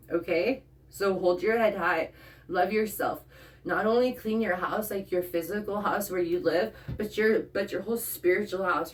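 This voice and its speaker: Woman tarot reader, casual and profane, middle pitch, sits back from the mic. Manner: blunt and profane, checks in with "okay?" often. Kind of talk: casual spoken tarot reading to the viewer. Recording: voice a bit far from the mic.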